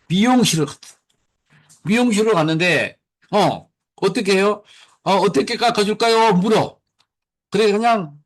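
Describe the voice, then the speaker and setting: A middle-aged man gives a lecture on short poems in a homely, chatty way. His voice sits a little high and moves up and down widely. He keeps asking the audience questions and answering them himself. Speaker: poet giving a lecture.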